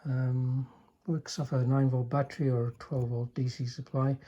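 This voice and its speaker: Demonstrating a restored chassis casually, the older male radio repairer sounds understated and hesitant, his remarks trailing off. The voice is mid-range and dark-toned with little pitch movement, a little slow, and the highs are cut off.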